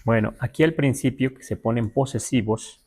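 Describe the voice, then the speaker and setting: A man with a Mexican Spanish accent teaching a language class, halting with many fillers and spelling words out syllable by syllable. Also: medium pitch, darkish tone, slightly rough. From Huasteca, Mexico. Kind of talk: live class explanation.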